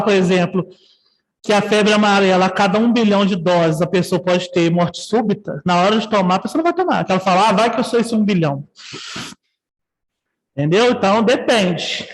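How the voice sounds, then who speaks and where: A man's voice: sits high, big-room sound, poor audio. A man with a Brazilian Portuguese accent teaching a nursing ethics class online, talking conversationally and often checking in with his students.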